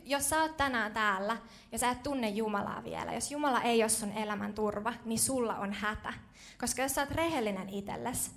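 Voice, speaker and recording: A young woman preaching a sermon in church, casual and lively, with slangy, self-deprecating humor. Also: a little high.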